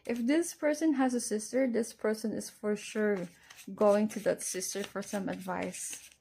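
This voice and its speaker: A woman's voice: mid-range voice, steady tone, unhurried, gravelly, mellow, slight background noise. A woman giving a casual tarot reading, speaking to the listener as a fortune teller. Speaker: tarot card reader.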